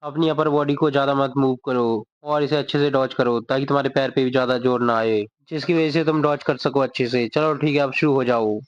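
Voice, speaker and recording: A man's voice: medium pitch, fairly even intonation, a little fast, hardly any pauses, no room sound, close to an everyday voice. A man voicing a fierce woman martial arts trainer who commands and scolds, within a manga recap. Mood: commanding. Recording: dull dry recording.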